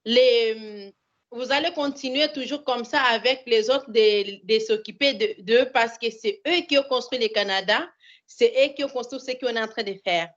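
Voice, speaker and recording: A woman in asks a question at a virtual town hall, halting and repeating words as she searches for phrasing. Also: a little high, a bit bright. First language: not French. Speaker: caller, personal care attendant. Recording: dull lo-fi online call audio.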